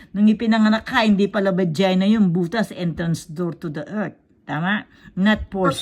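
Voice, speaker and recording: A woman telling stories to a child, casually quizzing and checking in with short questions. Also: medium pitch. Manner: quizzing, checks in with "tama?" after each point. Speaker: storyteller to a child. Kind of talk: casual storytelling in mixed Tagalog and English.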